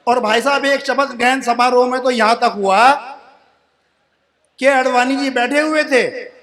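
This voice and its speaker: A sixties-aged comic poet recites humorous poetry and tells stories from the stage of a live poetry event, treating the crowd as friends and repeating each couplet line before the punchline. He has a very high, fairly bright voice and an unhurried pace.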